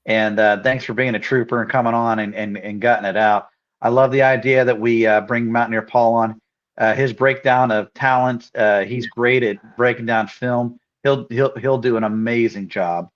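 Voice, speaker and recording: A man's voice: mid-range voice, steady tone, moderate pace. A man co-hosting a casual live sports chat, speaking in an earnest, encouraging way. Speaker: co-host. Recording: dull, muffled lo-fi audio.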